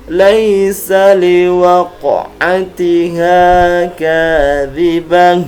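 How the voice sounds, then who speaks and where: A male Quran teacher with an Indonesian accent demonstrates melodic recitation, over-enunciating each drawn-out syllable. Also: high-pitched. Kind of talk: instructional lesson with slow melodic Arabic recitation examples.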